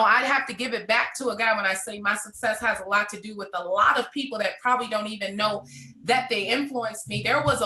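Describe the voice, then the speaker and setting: Around thirty, a woman who runs a network marketing business shares her success story with animated, motivational energy in a live conversation. Her voice sits in the mid-range, and the low-quality recording is reverberant.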